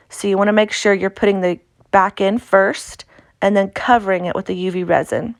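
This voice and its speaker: Casting: woman, Appalachian accent, medium pitch with gravelly creak, informal chatty instructor for hands-on craft narration. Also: no echo, studio quality. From Appalachia, United States. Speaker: craft tutorial host. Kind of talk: casual instructional craft voice-over.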